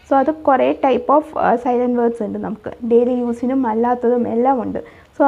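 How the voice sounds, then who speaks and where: A woman's voice: fairly high pitch, creaky. A woman, a Malayalam speaker, patiently explaining an English lesson and repeating herself often. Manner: repetitive, patient explaining with restarts. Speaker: English teacher. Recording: dull, lo-fi recording.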